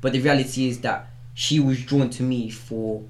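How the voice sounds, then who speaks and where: A man's voice: medium pitch, steady tone, normal speed, a little mellow, slight background noise. A man with an urban London street accent, hosting a casual podcast interview and mixing slang with reflective phrasing. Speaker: podcast host.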